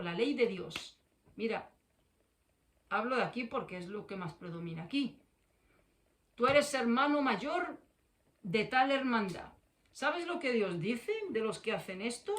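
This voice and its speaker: A woman preaching a fiery sermon, repeating phrases for force and firing confrontational questions at listeners. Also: mid-range voice.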